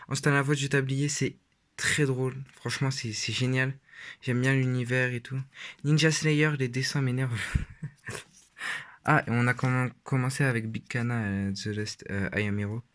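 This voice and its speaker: A teenage boy talks in a loose, casual way, stopping often on fillers and restarting his sentences. His pitch sits in an ordinary middle range for a young male voice. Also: steady tone, moderate pace, a bit bright. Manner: rambling, hesitant with many fillers. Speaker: vlogger. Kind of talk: casual shelf tour.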